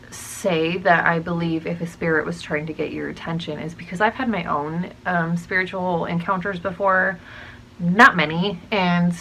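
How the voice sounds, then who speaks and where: A young woman talking casually to her channel's viewers, musing out loud with many pauses and restarts. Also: on the low side, vocal fry, a little hiss or hum, rough recording. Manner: musing, hesitant, frequent ums and restarts. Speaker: channel host. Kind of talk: casual talk to camera.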